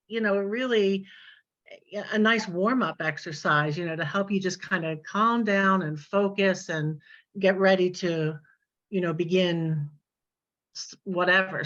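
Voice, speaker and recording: A woman taking part in an art workshop, sharing her thoughts in a measured way. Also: mid-range voice, fairly bright tone, highs cut off. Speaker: workshop participant. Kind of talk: casual group discussion.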